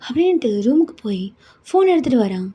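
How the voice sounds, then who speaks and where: A woman's voice: high-pitched, very animated, quick pace, warm tone, slightly rough, highs cut off. A woman narrating a fan story casually, speaking to the listener as "you". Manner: casual second-person storytelling.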